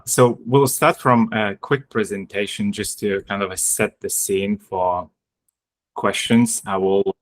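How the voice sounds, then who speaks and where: A man presents over a video call, speaking slowly and unhurriedly. His voice sits fairly low, and he hesitates often, restarting phrases as he goes. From Lithuania. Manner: hesitant, many fillers and restarts. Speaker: guest speaker, sports medicine doctor. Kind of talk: webinar presentation.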